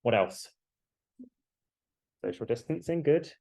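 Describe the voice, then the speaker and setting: A man lecturing to a class through a face mask while he has a cold, explaining in a halting way and putting questions to students. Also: on the high side, expressive, gravelly, mellow.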